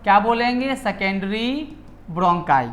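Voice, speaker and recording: A man teaching a lecture with a voice that sits a little higher than most men's. He talks the class through step by step, repeating each term and asking questions he then answers himself. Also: animated, unhurried, fairly bright tone. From India. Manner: repeats terms, asks and answers own questions.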